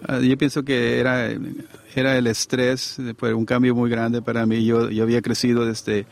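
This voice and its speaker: A man's voice: mid-range voice, little pitch movement, normal speed, gravelly. A middle-aged man preaching a sermon to a congregation in a conversational way, often asking his listeners to agree.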